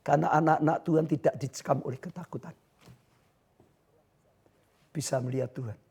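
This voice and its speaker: A man preaching a livestreamed sermon, shouting fervently at times and then dropping to a quiet voice. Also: fairly high pitch, fairly quick, creaky, breathy edge. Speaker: pastor.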